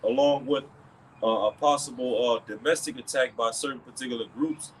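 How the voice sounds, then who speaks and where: With a steady tone and a fairly quick pace, a man delivers a meandering religious commentary in a middle-pitched voice, dropping "okay" and "all right" between ideas. The low-quality recording carries a faint hiss.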